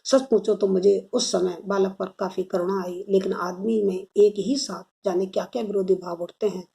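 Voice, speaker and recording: A woman teacher narrates a story for her students at a steady, measured pace. Her voice has a gravelly, creaky texture. The tone is dark and mellow. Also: mid-range voice. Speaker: Hindi literature teacher. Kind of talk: story reading and explanation for students.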